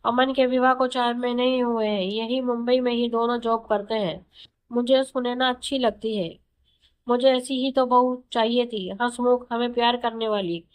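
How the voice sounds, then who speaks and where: Woman reading a first-person story aloud, calm and chatty, voice sits a bit high. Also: moderate pace, smooth.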